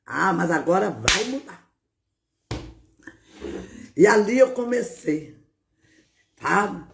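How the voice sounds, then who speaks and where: A woman preacher giving a fervent testimony, often breaking in with words of praise and now and then shouting out. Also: on the low side, sing-song, slow pace, creaky. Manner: bursts into shouted exclamations. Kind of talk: fervent spoken testimony on a live stream.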